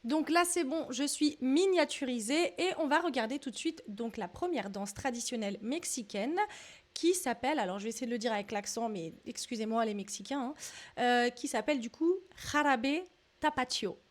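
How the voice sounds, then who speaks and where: A woman's voice: fairly high pitch, fairly quick. A woman hosting a casual dance reaction vlog, chatty and exclamatory, talking with lots of fillers. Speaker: dance video host.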